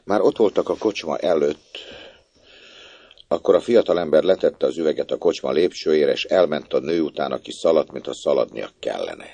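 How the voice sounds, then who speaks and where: A man reads a story aloud with an extremely deep, gravelly voice. His telling rises and falls vividly as he moves between characters. The sound is close and dry. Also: dry recording, lo-fi sound. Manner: expressive, voicing characters. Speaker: narrator.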